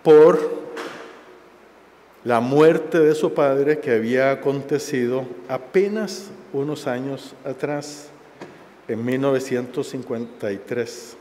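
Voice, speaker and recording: A man speaks at a university forum in a formal, solemn way. He takes his time and weighs each phrase at an unhurried pace. His mid-pitched voice, picked up by a headset mic, trails into the long reverb of a large auditorium. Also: dark tone, slight background noise. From Costa Rica. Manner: slow, deliberate and solemn. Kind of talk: formal public speech.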